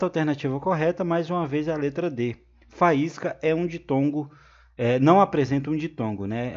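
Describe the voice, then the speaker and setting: A man's voice: a little high, a little mellow. Brazilian man teaching grammar, repetitive. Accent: Brazilian Portuguese. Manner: repeats points, frequent "né?" checks with viewers. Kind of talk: exam-prep grammar lesson. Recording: slightly dull lo-fi sound.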